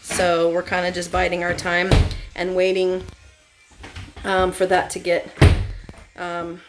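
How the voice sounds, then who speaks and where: Over loud music, this woman speaks slowly in a lowish, monotone voice. In informal vlog style, she walks through her DIY school bus conversion, and ambient background noise is clearly present.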